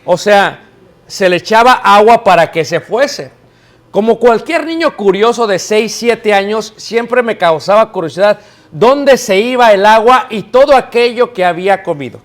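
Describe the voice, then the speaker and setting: Preacher guy, high voice, storytelling sermon, keeps asking the church questions. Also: a little slow. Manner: lively storytelling, calls out questions to the congregation. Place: church, before a live congregation.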